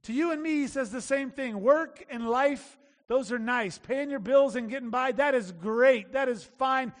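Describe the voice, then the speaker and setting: A man's voice: very high-pitched, normal speed, in a large hall. A man preaching a sermon in a conversational, emphatic way, repeating key phrases. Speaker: pastor.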